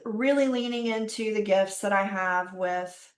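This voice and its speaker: A woman's voice: mid-range voice, unhurried. A middle-aged woman telling her story openly and reflectively in a casual conversation. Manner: open, reflective, faith-centered storytelling. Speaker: podcast guest. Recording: roomy echo.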